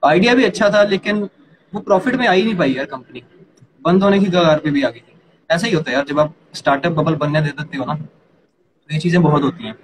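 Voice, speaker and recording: A young man casually explaining startup funding to a co-host, talking quickly and animatedly. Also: fairly high pitch. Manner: rapid, animated, addresses partner as yaar and bhai. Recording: noisy background ambience.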